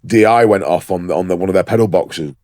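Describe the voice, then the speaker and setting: Low-voiced sweary podcast man. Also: quick pace, darkish tone, dry recording, studio quality. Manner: rambling, sweary, full of ums and fillers. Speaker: podcast co-host. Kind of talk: casual podcast chat.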